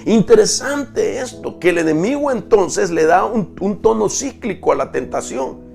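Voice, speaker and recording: A man's voice: high-pitched, expressive, normal speed, creaky, a little mellow, soft background music. A man preaching a sermon-style Bible lesson, explaining step by step with restarts and rhetorical questions. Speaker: apostle preaching.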